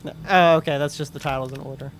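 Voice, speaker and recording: A man's voice: steady tone, quick pace, a little hiss or hum. A man chatting casually while streaming a game, rambling and restarting his sentences. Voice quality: higher voice. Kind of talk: casual gameplay chat.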